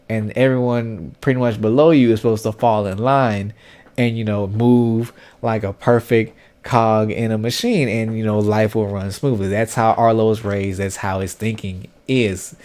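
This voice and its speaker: A man's voice: on the low side, a little mellow. A man recapping a comic episode in casual, opinionated commentary, talking loosely with lots of fillers and slang. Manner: conversational and opinionated, heavy on fillers and slang like "y'all" and "dude". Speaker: webtoon recap host.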